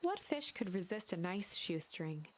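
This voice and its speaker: A woman's voice: fairly low pitch, big pitch swings, measured pace, slight background noise. A woman reading scripted storybook narration for a video game. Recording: music behind the voice. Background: game music.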